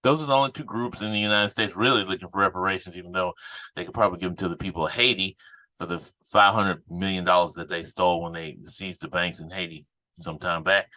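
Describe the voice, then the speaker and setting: Here is a man hosting a political commentary podcast in a low, forceful voice. He speaks off the cuff with indignant emphasis and circles back over phrases to drive them home. The sound is dry, with very little room. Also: fairly even intonation, quick pace, no echo, rough recording. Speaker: podcast host.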